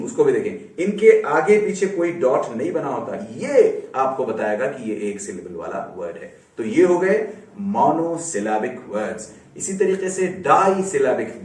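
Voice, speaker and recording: A man giving an explanatory pronunciation lesson, mixing English terms into Hindi and repeating example words slowly. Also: mid-range voice, expressive, darkish tone. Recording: roomy echo, voice a bit far from mic.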